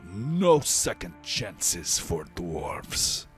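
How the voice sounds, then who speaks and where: A man voicing a stern, gruff barbarian father who rants with bitter emphasis, loud and rough. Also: extremely low pitch, expressive, drawn-out words, soft background music, exaggerated voice. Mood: ranting.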